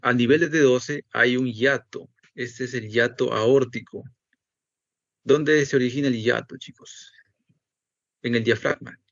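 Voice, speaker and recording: A man's voice: medium pitch, fairly even intonation, measured pace, fairly bright tone, no echo. A man teaching an anatomy lesson step by step and asking himself the students' questions. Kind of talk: recorded anatomy lecture. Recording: dull, lo-fi dry recording.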